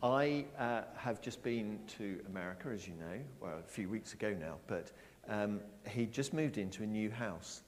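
A middle-aged man preaching a sermon, asking his congregation questions and stressing his words slowly. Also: fairly low pitch. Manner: lively, questioning the congregation, slow emphatic phrasing. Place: church. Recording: long church reverb.

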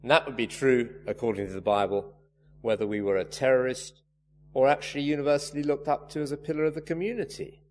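A man preaching a sermon, earnest and emphatic, leaning hard on key words. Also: lowish voice. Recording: reverberant hall, faint hum.

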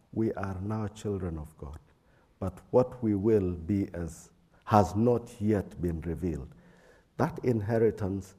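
A man's voice: on the low side, mellow, husky. Man preaching in a big echoing hall. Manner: slow, measured preaching with pauses and fillers. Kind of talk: sermon with scripture reading.

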